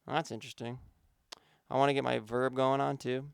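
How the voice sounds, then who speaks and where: A man's voice: mid-range voice, level tone, fairly quick, gravelly, smooth, no echo, clean studio sound. A man, a music producer, casually walking through his vocal mixing steps, thinking aloud with some fillers. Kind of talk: casual instructional walkthrough.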